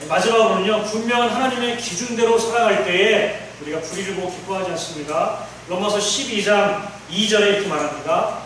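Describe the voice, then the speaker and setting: Man preaching, high voice, super echoey church, kinda far from the mic. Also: brisk, hardly any pauses. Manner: fervent preaching, rising to near-shouts then dropping low. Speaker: pastor. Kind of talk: sermon. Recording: very echoey hall, voice from far off, faint noise.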